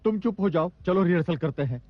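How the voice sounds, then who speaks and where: A bossy troupe director, kinda high voice, a bit muffled. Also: male voice, lively intonation, fast talker, no room sound. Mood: exasperated. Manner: bossy, exasperated. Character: exasperated male troupe director.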